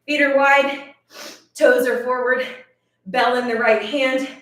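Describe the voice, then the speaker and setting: A woman leads a workout, out of breath as she counts reps and cheers people on. She talks slowly, in a slightly high voice. The sound is roomy and echoing, with her standing back from the microphone. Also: steady tone, fairly bright tone. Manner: encouraging, counts reps aloud. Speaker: fitness instructor. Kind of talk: live workout instruction. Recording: echoey room, voice from a distance.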